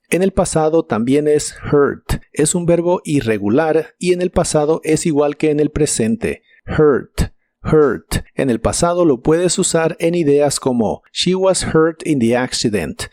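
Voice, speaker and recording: Calm male English teacher, mellow tone. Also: a little high, no room sound. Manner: slow, careful model pronunciations. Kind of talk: scripted vocabulary lesson.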